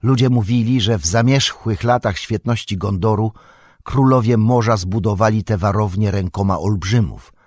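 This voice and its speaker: A man narrating an epic fantasy audiobook in a measured storytelling manner. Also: fairly low pitch, darkish tone, no room sound, clean studio sound. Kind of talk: scripted narration.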